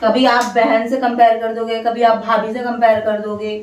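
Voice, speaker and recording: While she cooks at home, a young family vlogger with two kids vents and explains in a casual chat with her viewers. Her voice is on the high side, flat, and moderately paced, recorded from a distance in an echoey kitchen with light background noise and soft music playing.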